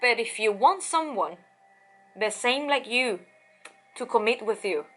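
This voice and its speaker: A woman giving a casual tarot reading to camera, chatty and excitable, speaking straight to the listener. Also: on the high side, a little slow, soft background music. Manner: excitable, chatty, with frequent laughs and fillers; addresses the listener warmly and directly. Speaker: tarot reader.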